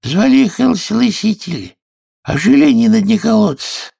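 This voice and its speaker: Dormouse, a man doing a sleepy squeaky little mouse. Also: very animated, darkish tone, full character voice. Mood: drowsy. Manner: slow, drawling, high and breathy. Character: sleepy drowsy female dormouse.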